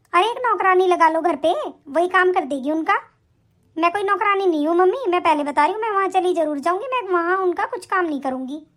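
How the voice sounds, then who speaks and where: A stubborn, spoiled young married daughter, voiced by a woman in an animated story. Her voice sits very high, and she argues back with scorn and defiance.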